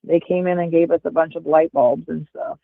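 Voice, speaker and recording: Brisk and creaky, this woman's voice sits on the low side with little pitch movement and no echo. A fortysomething livestream guest, she rambles in casual chat full of fillers, speaking over earbuds on a tinny call line that sounds like a phone.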